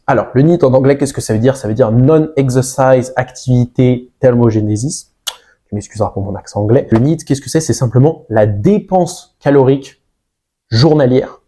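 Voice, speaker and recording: Male fitness coach, mellow darker timbre, mid pitch, explains directly to viewer. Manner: explanatory, addresses the viewer informally. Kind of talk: direct-to-camera advice video.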